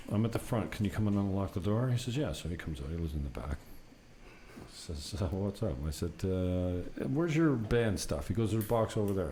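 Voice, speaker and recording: In a low-pitched, dark voice, a man hosts an off-the-cuff podcast from his recording-ready apartment. He wanders through stories without a filter, dropping some mild swearing, over noticeable background noise.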